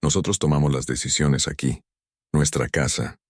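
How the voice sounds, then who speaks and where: A man's voice: very deep voice, fairly even intonation, moderate pace, darkish tone, dry recording, clean studio sound. A man voicing a defensive, dismissive adult son in a spoken story.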